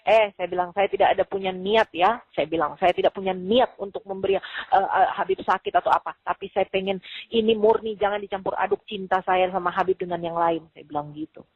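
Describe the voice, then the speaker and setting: A woman's voice: medium pitch, fairly even intonation, brisk, husky, dry recording. A woman venting on a phone call in an agitated way, quoting herself and others. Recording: tinny phone-line recording.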